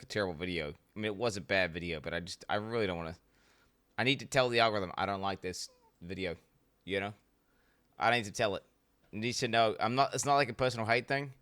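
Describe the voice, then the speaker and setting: A man reacts as a streamer in a casual, blunt way. His voice is forward and crisp, and he argues with plenty of swearing. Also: on the low side, pushed and bright. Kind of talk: casual livestream reaction commentary.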